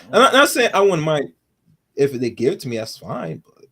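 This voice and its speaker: A man's voice: fairly high pitch, big pitch swings, normal speed, creaky, pushed and bright, slightly rough. A man in casual chat, rambling with lots of fillers while making his argument.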